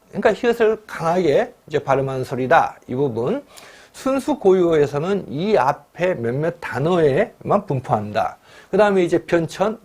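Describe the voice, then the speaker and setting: A man's voice: fairly high pitch, darkish tone. A middle-aged man teaching an exam-prep lecture, asking his students rhetorical questions and stretching out words for emphasis.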